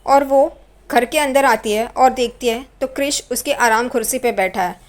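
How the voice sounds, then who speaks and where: A woman's voice: on the high side, moderate pace. A woman casually retelling a TV serial episode in chatty storytelling, acting out the characters' lines. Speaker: TV serial recap narrator.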